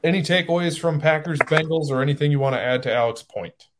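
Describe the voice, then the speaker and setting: A man's voice: a little high, fast, a little hiss or hum. A man hosting a casual sports podcast, talking animatedly and getting worked up. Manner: animated, gets worked up and emphatic. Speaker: podcast host.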